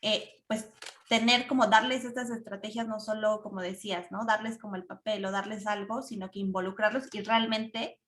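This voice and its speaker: A woman moderating an online panel, thanking a participant and adding her own measured remarks. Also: mid-range voice, steady tone, a bit bright. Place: video call. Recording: echoey room.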